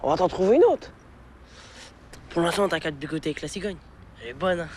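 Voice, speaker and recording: An actor playing a restless, hungry young man who talks quickly and offhandedly in a film scene. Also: fairly high pitch, lively intonation, darkish tone, a little hiss or hum, natural voice. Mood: easygoing. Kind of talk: film acting.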